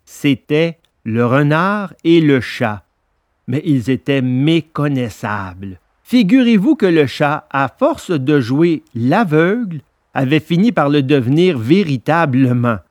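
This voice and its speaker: A woman narrating a storybook reading in a slow, expressive manner. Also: low-pitched, no room sound, clean studio sound.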